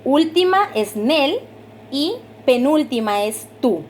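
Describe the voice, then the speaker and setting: A woman teacher giving a recorded grammar lesson, patiently repeating rules, asking her students to repeat them and drawing out each example word slowly. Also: high-pitched, sing-song, a little hiss or hum. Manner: stretches out example words slowly.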